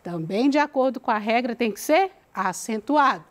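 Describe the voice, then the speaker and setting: A woman teacher gives a lesson. She talks slowly and deliberately and checks in with the student as she goes. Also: a little high, animated. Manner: slow, deliberate, reads the text aloud and asks the student questions. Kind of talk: recorded remote lesson.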